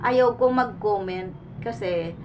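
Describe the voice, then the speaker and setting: A woman's voice: medium pitch, slow, a little mellow. A woman talking casually to her viewers, earnest and pleading, restarting her sentences often and sweating in the heat. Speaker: vlogger. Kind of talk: casual reaction commentary to the camera. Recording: distant mic with faint room noise.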